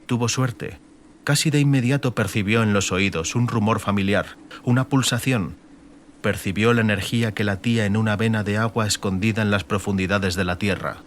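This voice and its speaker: A fantasy audiobook is read by a man whose voice is fairly low, with a dramatic, scripted delivery and a faint rumble of noise beneath it.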